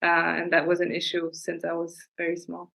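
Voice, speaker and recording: A young woman raised in Germany, answering interview questions in a thoughtful, measured and friendly way over a video call. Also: lowish voice, monotone, creaky, a bit bright, low-quality recording. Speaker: guest, fencer.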